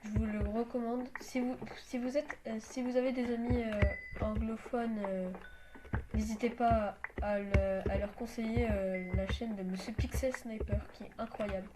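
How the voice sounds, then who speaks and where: A woman with a fairly high voice talks through a video game as host of her own channel, in a loose, casual way. She stumbles often, filling gaps with hesitations and restarting her sentences. The home recording carries clear background noise and clicking. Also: level tone, measured pace. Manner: hesitant, many fillers and restarts. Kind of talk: casual gameplay commentary.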